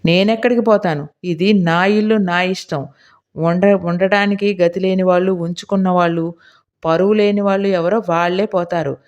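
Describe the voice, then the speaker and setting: A woman reading an audiobook voices a scolding middle-aged village housewife with a shrill, indignant, nagging delivery. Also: fairly even intonation, normal speed, darkish tone, natural voice.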